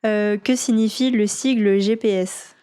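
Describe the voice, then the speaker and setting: A woman hosting a casual interview and running a quiz, self-deprecating and relaxed in manner. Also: mid-range voice, measured pace, clear, resonant tone. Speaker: host.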